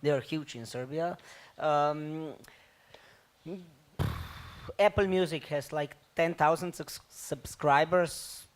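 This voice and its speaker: A man with a Slovenian accent answers questions on a conference panel. His voice is smooth and resonant. He pauses often and fills the gaps with ums. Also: on the high side. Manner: halting, with many ums. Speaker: panelist, label owner.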